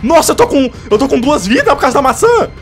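This is a young man with a Brazilian Portuguese accent and a high, bouncy voice that jumps all over the place. He chats through a game and hams up mock threats against his rival. Faint game music plays underneath. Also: fast. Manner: mock-menacing, teasing, excitable. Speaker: gaming YouTuber. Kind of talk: playful gaming chat.

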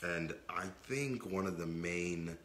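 This podcast co-host, a man in his twenties, has a low, slightly bright voice and takes things slowly. He's emphatic and repeats himself, sounding under the weather and not fully clear, in an echoey indoor room with brick and wood-panel walls.

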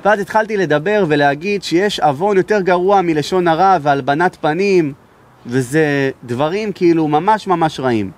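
Rabbi giving a lesson, high pitch, emphatic and loud at times. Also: male voice. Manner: raises his voice to be heard, emphatic. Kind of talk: sermon with storytelling.

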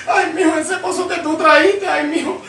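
A man voicing a naive old village mother who wails and complains in a drawn-out way. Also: very high voice, fairly even intonation, vocal fry, bright, forceful tone, a little hiss or hum, voice pushed up, full character voice. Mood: wailing. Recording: echoey room, distant mic.

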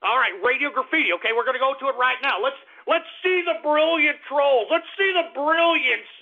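A man with a very high, gravelly voice rants at his audience on an internet radio show, shouting insults between grumbling asides. The sound is tinny and phone-like, as from a lo-fi radio stream. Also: a little fast. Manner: furious, shouting insults at listeners. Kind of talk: ranting radio monologue.

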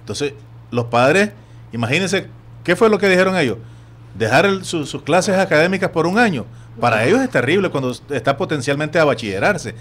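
A man with a Nicaraguan Spanish accent hosting a sports radio talk show, telling stories in an animated way and acting out other people's voices. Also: fairly high pitch, fairly quick. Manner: animated storytelling, acts out quoted voices. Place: radio studio.

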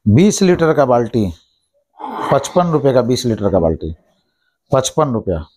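With big swings in pitch, a shop owner in his thirties briskly lists plastic goods and repeats their prices in a mid-range, darkish voice. The price rundown was recorded indoors on a lapel mic in a small shop office.

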